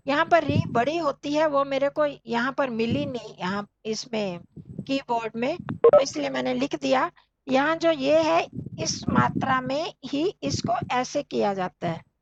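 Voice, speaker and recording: High, gravelly-voiced woman teaching slowly. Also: highs cut off. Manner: patient, explains step by step and recites sounds slowly for students to repeat. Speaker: Sanskrit teacher. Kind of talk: online class teaching. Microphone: online call audio.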